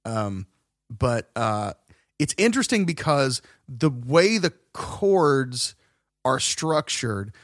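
A man's voice: medium pitch, sing-song, takes it slowly, no room sound, clean studio sound. A man co-hosting a podcast, talking through a song's music theory in a rambling way with many fillers and restarts. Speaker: podcast co-host. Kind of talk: casual music-analysis chat.

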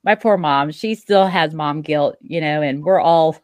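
A woman's voice: low-pitched, a little slow, a little mellow, dry recording. A woman in her fifties hosting a casual interview, chatty and frank, laughing often. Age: 50s. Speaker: podcast host.

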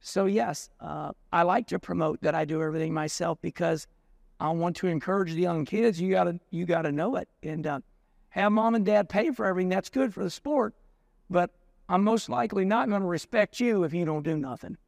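A man's voice: high-pitched, fairly quick, creaky, no echo, studio quality. A man in his sixties, a racing show host, telling stories in casual conversation and acting out the voices of people he quotes. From United States. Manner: animated storyteller, acts out quotes.

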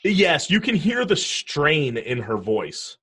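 Man, husky voice, fairly high pitch, joking commentary chat. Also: very animated, slow, pushed and bright. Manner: joking, laughs often. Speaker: movie commentary co-host. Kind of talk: casual movie watch-along chat.

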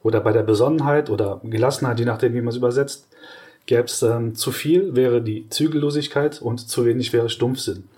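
A man co-hosting a podcast, explaining ideas in casual conversation with hesitant restarts and lively, exaggerated examples. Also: mid-range voice, fairly quick. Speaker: podcast co-host.

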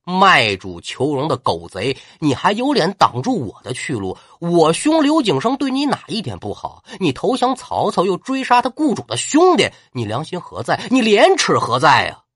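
A man voicing the righteous warlord Liu Bei, a middle-aged man who declaims in old classical phrasing and shouts curses at a traitor. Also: mid-range voice, wildly swooping pitch, normal speed, no room sound, clean studio sound. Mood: furious scolding.

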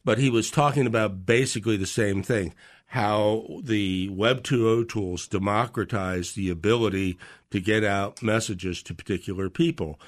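Podcast host, man, low voice, relaxed talk with quick jokes. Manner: conversational, joking asides. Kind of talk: casual podcast discussion.

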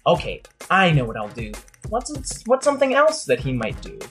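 A woman voicing an eager, boastful young boy ninja in training, excitable and a bit whiny. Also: on the low side, moderate pace, soft background music.

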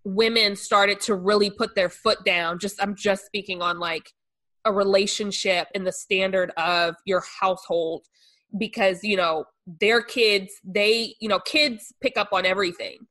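A woman's voice: mid-range voice, steady tone, measured pace, fairly bright tone. A woman in a casual chat, thinking aloud and reflective, with frequent hesitations and fillers. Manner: thoughtful, hesitant, many fillers.

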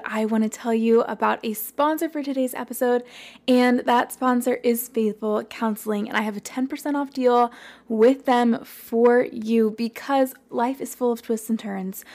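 A woman hosting a Bible study podcast, talking earnestly and encouragingly in a slightly hoarse, worn voice. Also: a little high, a little mellow. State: slightly hoarse, worn voice from recording the day before. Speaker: podcast host.

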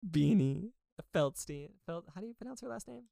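Female podcast co-host, playful and conversational, creaky but clean tone, very dry sound. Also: lowish voice, expressive, moderate pace, warm tone, no echo. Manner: playful, joking. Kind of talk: casual chat.

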